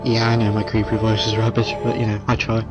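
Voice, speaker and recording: A man's voice: lowish voice, monotone, fast talker, low-quality recording. Offhand man doing gameplay commentary. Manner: offhand, joking, reads game text aloud. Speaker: let's play host. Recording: game music playing behind.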